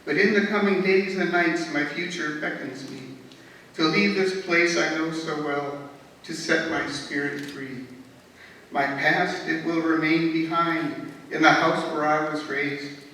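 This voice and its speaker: Slow, bright-voiced woman reciting poems in a hall. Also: deep voice, fairly even intonation. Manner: measured, rhythmic recitation of rhymed verse. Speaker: talent show performer. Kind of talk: poetry reading. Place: talent show stage in a hall. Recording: echoey hall recorded from far off, faint noise.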